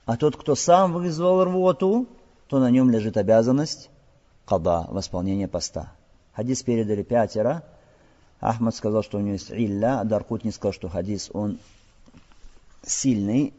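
With a lowish, dark voice and a breathy edge, a male Islamic teacher walks listeners through religious rulings, asking rhetorical questions and frequently adding "all right?". The recording is lo-fi, with a long reverb from the hall.

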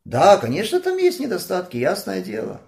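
A man's voice: huge pitch swings, normal speed, creaky. A man teaching a religious lesson on hadith, impassioned and scolding, asking his listeners questions as he goes. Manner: impassioned, scolding, rising to loud outbursts then dropping low. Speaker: Islamic teacher.

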